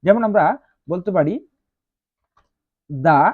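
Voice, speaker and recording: Slow-explaining man teaching grammar. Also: high-pitched, animated. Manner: slow, repetitive, spells out each example. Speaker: English teacher. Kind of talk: explaining grammar rules to students. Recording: dull lo-fi sound.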